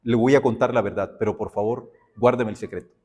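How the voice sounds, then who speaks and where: A man plays a remorseful churchman confessing a failing. He speaks low and ashamed, asking for secrecy. A long hall reverb lingers behind him. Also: steady tone, a little fast, darkish tone, lightly acted. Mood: contrite. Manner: subdued, pleading, contrite.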